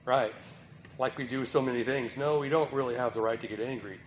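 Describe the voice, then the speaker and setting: A man delivers a sermon at an ordinary middle pitch. He presses his points with rhetorical questions and keeps checking in with his listeners. A faint noise sits under the recording. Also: fairly even intonation, fast talker. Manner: rhetorical questions, emphatic, tag "right?". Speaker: preacher.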